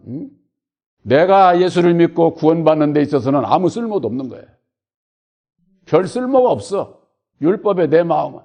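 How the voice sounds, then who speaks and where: Emphatic male pastor, dull lo-fi recording. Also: on the high side. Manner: emphatic repetition with rhetorical questions; swings between loud stress and quiet trailing repeats. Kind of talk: sermon. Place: church.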